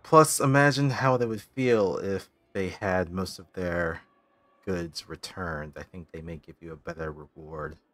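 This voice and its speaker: A man's voice: low voice, a little slow, a bit bright. A man playing a tabletop role-playing game, chatting casually at the table and partly speaking in character.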